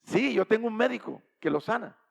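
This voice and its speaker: A man's voice: sits high, normal speed, gravelly, in a large hall, voice pushed up. A man doing a humble old country evangelist. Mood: earnest. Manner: gentle, inviting.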